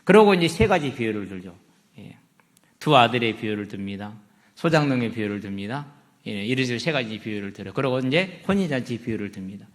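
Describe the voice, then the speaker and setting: A man's voice: medium pitch, expressive, brisk. Middle-aged man, pastor preaching a storytelling sermon in a reverberant church. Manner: storytelling, asks the congregation questions. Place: church sanctuary. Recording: echoey church hall.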